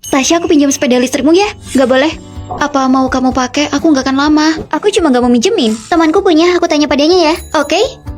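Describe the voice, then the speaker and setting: Woman, high-pitched, fast, brisk clipped delivery, dubbed short drama, faint music. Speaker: voice-over dubber of all roles.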